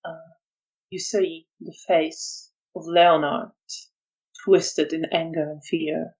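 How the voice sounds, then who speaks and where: A woman running a tabletop horror game as storyteller, narrating scenes in a measured way with frequent ums. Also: low voice, flat delivery, darkish tone, muffled recording.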